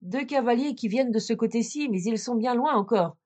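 A woman voicing Sister Anne, a young woman calling down from a tower, mostly calm in a storybook reading. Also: on the high side, brisk, breathy edge.

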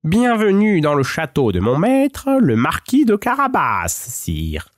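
A man voicing a sly male talking cat in a storybook who speaks in a courtly, flattering way. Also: on the high side, slow, no echo, clean studio sound, voice pushed up, full character voice.

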